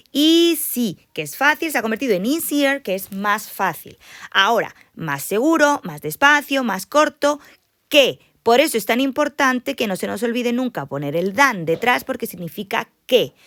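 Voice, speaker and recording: A woman English teacher explaining grammar to her students, lively and emphatic, repeating the key points. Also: on the high side, no room sound, studio quality.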